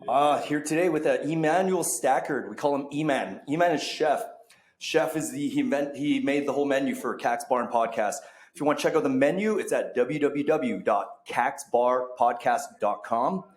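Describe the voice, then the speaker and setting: A man with a medium-pitched voice speaks at a moderate pace, hosting a podcast in casual chat. He rambles, full of fillers and restarts, in a bar still under construction, and the room sounds echoey.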